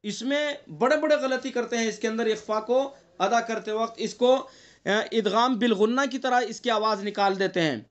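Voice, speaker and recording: His voice is very high as he leads an online Quran recitation lesson, patiently going over the rules. He frequently checks with the students and voices the nasal examples on his own.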